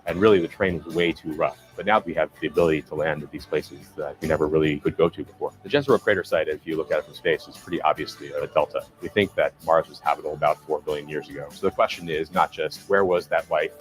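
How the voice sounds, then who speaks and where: Very deep, quick-talking male engineer. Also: faint music behind, rough recording. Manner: brisk, technical, with fillers. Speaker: landing team lead. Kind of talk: documentary interview.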